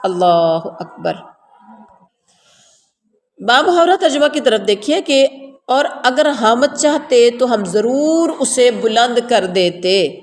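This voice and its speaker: A woman's voice: fairly high pitch, sing-song. A woman teaching a word-by-word translation lesson to a class, explaining, repeating words and quizzing her listeners. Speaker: Quran teacher. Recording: long reverb, faint ambient noise.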